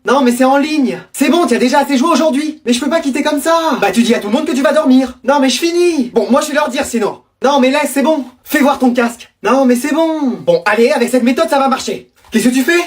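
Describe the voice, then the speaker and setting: A young woman performing a comedic family sketch, playing every role herself and switching quickly between squeaky high voices and low grumbles. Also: recorded from a distance.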